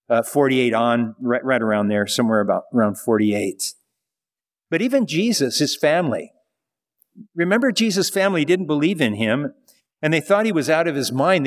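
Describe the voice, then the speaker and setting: A man's voice: mid-range voice, in a large hall. A male pastor preaching a sermon in a conversational style, with rhetorical questions.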